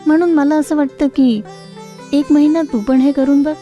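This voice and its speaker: A woman voicing a kindly older neighbor woman in a cartoon story, giving slow, gentle advice. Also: high voice, steady tone, lo-fi sound, faint music behind, pitched above the performer's own voice, close to an everyday voice. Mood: advising. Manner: slow, advising.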